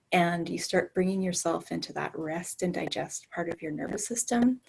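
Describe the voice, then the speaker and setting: A woman with a soft, breathy voice gently and soothingly teaching and guiding a calm meditation. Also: fairly low pitch, rough recording. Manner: gentle, soothing, unhurried delivery. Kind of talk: guided meditation and calm explanation.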